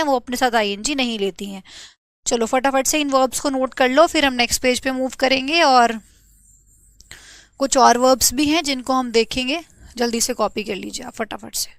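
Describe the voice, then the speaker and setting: High-voiced, brisk woman teaching online. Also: fairly even intonation, a bit bright, clean tone, no room sound. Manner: brisk, urges students to copy notes quickly; reads student chat questions aloud and answers them. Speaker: English grammar teacher. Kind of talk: live online class.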